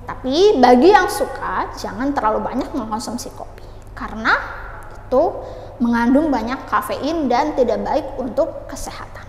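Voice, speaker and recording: High-voiced woman teacher, slow and echoey. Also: animated, a little mellow, a little hiss or hum. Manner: patient, asks and answers her own questions, models pronunciation slowly. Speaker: English teacher. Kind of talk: beginner language lesson. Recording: echoey room with long reverb, faint ambience.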